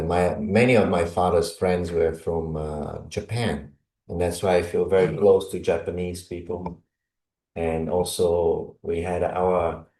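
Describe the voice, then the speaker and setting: In an echoey church hall, recorded from a distance, a Brazilian-born visiting preacher chats casually with the congregation before his sermon. He laughs often and adds "you know" and "right?" to his sentences, his voice low and mellow.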